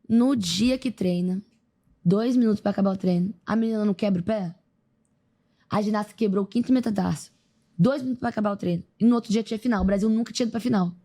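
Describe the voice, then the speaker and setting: A young Brazilian woman, an athlete, animatedly retelling her story in a casual interview, acting out what others said. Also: mid-range voice. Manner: lively, animated retelling with quoted voices. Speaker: podcast guest, athlete.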